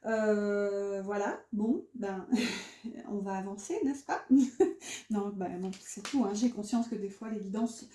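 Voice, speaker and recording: A woman's voice: mid-range voice, steady tone, slow, warm tone, roomy sound. A woman giving a casual tarot reading, chatty and full of fillers and restarts. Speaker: tarot card reader.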